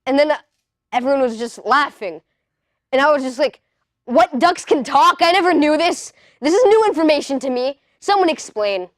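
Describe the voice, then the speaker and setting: A woman's voice: high voice, normal speed, pauses often, fairly bright tone, dry recording, clean studio sound. A woman playing an awkward young male stand-up comic who keeps pushing his puns and begging the crowd for laughs. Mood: awkward joking. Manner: flustered, pun-heavy, needy for laughs. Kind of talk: comedy sketch.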